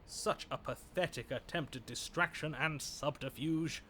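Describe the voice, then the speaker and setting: A man's voice: on the high side, a little slow, fairly bright tone, slight background noise. An actor playing a gallant, lovesick male romantic in a game, with florid, theatrical, swooning delivery. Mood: proud, gallant. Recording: music behind the voice.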